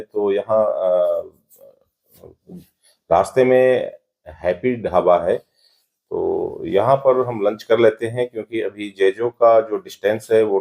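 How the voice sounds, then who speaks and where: Male travel vlogger, lowish voice, relaxed and unhurried, frequent filler pauses, casual guide tone. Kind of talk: casual travel vlog narration. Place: driving on hilly roads, then at a roadside dhaba and outdoors.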